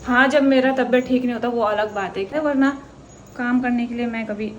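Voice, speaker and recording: A woman's voice: a little high, normal speed, highs cut off, a little hiss or hum. A woman chatting playfully through her daily vlog, laughing often, filming on a phone on a rooftop at night. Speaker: vlogger. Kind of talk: casual daily vlog chat.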